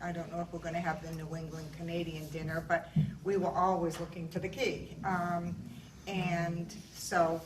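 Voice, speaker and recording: Hesitant female club member with monotone delivery, informal, caught from far off. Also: lowish voice, normal speed. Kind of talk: informal remarks at a club meeting. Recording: echoey room, distant mic, clear noise.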